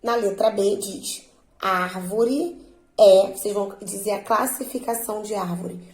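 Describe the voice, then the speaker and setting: A woman teacher slowly and patiently walking her students through a worksheet, drawing out words to stress their syllables. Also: mid-range voice, steady tone, reverberant, poor audio. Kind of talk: remote lesson walking students through exercises.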